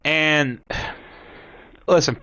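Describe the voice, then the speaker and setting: A young man born in Cuba talks casually to his viewers, rambling and halting, and sometimes reads aloud from an article. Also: a little high, fairly even intonation, sharp tone, clear, resonant tone. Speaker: commentator. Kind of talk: casual talk to camera.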